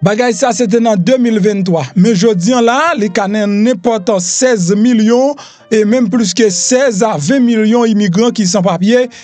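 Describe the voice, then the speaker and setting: A man's voice: high-pitched, measured pace, darkish tone, faint music behind. A Haitian man hosting a news rundown, reading headlines loosely with frequent fillers. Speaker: news host.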